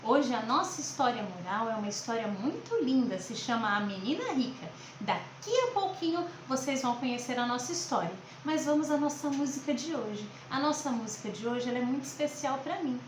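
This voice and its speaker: A high-pitched woman with a Brazilian accent addresses young children as a teacher and host. She keeps her explanations simple and direct. The recording has a clearly echoing room and a little background noise. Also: animated, a little fast, few pauses. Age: late 30s to 40s. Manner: simple explanations with frequent check-in questions. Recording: roomy echo, faint background noise.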